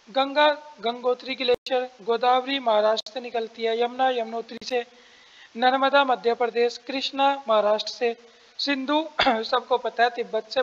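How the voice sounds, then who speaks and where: A man with a very high voice explains exam material one step at a time, answering his own questions and often clearing his throat. The audio is dull and has a big-room sound.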